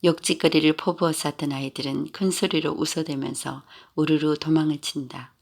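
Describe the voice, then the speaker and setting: A man narrating a story in a steady, even storytelling manner. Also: fairly high pitch, normal speed, gravelly.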